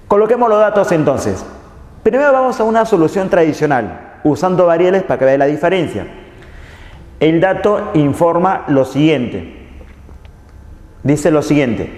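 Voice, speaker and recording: A man's voice: a little high, darkish tone. Male math teacher, patient and repetitive, quizzing the class; roomy classroom echo. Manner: patient, repeats key phrases, asks students questions. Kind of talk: recorded math lesson. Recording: echoey room with long reverb.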